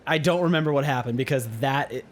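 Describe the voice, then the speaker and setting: A man's voice: medium pitch, fast talker. A young man chatting on a podcast, laughing often and adding short remarks to a friend's story. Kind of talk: casual chat.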